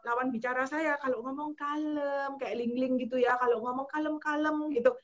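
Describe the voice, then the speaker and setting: A woman giving a motivational talk to an audience about her sales work. She talks fast and punchy, with lots of energy, acting out her own doubts and thoughts. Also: on the high side, dull audio. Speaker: insurance agency leader giving a motivational talk.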